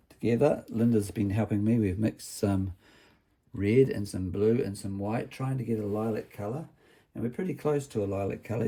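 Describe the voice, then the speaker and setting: In a lowish voice, a man presents a workshop vlog for children, playing a builder. He's bright like a kids' party host, explains things simply, and checks understanding with tag questions.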